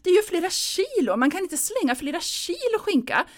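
Fretful older mother, high, wavering and whiny, voiced by a woman narrator; audiobook. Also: big pitch swings. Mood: fussing. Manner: nervous, plaintive, close to tears. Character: anxious fussy older mother hosting Christmas dinner.

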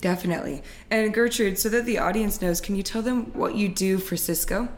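A woman's voice: medium pitch, a little fast. Upbeat young woman hosting a podcast. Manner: upbeat, scripted introductions. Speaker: podcast host. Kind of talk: podcast interview.

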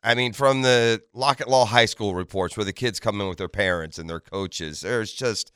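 A man works as a morning show host on sports radio, with a bright, clear voice. He talks in an earnest, conversational monologue aimed right at the listeners, leaning on his points. The sound is dry and close, as on a studio microphone. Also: on the low side, normal speed, dry recording. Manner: earnest, emphatic, addresses listeners directly.

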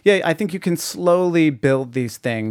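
A man's voice: a little high, animated, moderate pace, a little mellow, smooth, no room sound. Male podcast co-host, dry close sound. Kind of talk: casual discussion, advice to listeners.

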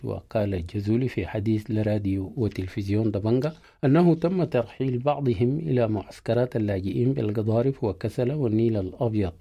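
A man's voice: medium pitch, warm tone, breathy edge. A man presenting a scripted news bulletin in a formal public radio host manner.

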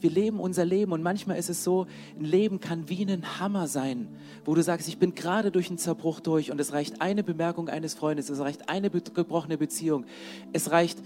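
A man's voice: on the high side, a little mellow. A man preaching a sermon. He addresses his listeners directly and with emphasis.

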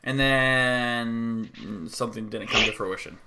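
A man's voice: medium pitch, a little slow, crowd noise. A man co-hosting a wrestling podcast who chats eagerly and teases his co-host. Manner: teasing, enthusiastic, playfully ribs his co-host. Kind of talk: casual chat.

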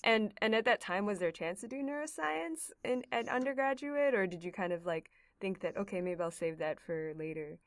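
A woman's voice: medium pitch, fairly quick, few pauses, no room sound, studio quality. A young woman in her twenties, a graduate student, hosting a podcast interview in a friendly, encouraging way. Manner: friendly, encouraging, frequent mm-hmms.

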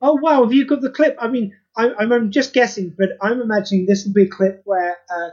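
An audio drama writer, interviewed as a guest over an internet call, chats casually and rambles. His voice is high-pitched yet darkish, steady in tone and a little fast, and the call sounds slightly dull.

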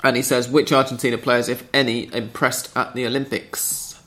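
A man's voice: mid-range voice, flat delivery, normal speed, a bit bright. A man hosting a casual podcast chat, reading out listener questions in a chatty, dry way. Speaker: podcast host.

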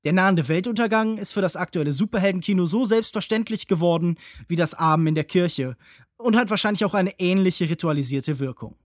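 A man's voice: high voice, brisk, no echo. A man talks through films as a podcast panelist. His phrasing is elaborate and intellectual, his approach analytical, and the sound is dry and close. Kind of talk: analytical film discussion.

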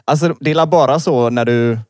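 A man's voice: mid-range voice, a little mellow, no echo, studio quality. A man co-hosting a casual podcast, laid-back, reacting with short replies and laughter. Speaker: podcast co-host. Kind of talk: casual chat.

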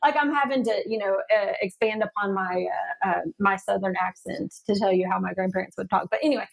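A woman guest on a podcast interview who explains AI in a lively, chatty way, with lots of fillers and frequent laughter. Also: mid-range voice, brisk, vocal fry, rough recording. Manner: animated, laughs often, many fillers. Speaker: guest expert on AI.

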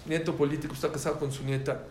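A man teaching a Torah lesson, telling stories with animated quoted voices. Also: on the high side, racing. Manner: animated storyteller, voice rising in quotes. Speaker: rabbi teaching a class. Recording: echoey room with faint ambient noise.

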